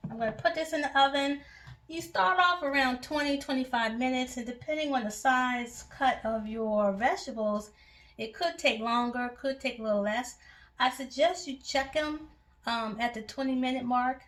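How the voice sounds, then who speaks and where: Talking homely from her kitchen, this woman hosts a cooking channel and guides viewers step by step in a casual demonstration. She speaks at normal speed with a high-pitched, fairly bright voice.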